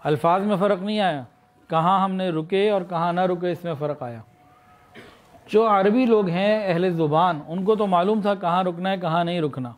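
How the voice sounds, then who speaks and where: Preacher with a Pakistani Urdu accent: a man with a slightly high voice, explaining patiently and asking his listeners rhetorical questions. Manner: explains with rhetorical questions, then leads slow recitation. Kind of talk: sermon.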